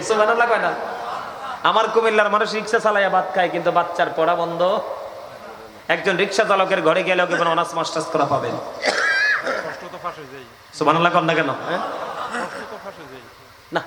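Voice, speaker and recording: Male preacher, high and emphatic, calls on the crowd; echoey sermon recording with noise behind. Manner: call-and-response, prompting the crowd to answer. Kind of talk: Bengali waz sermon.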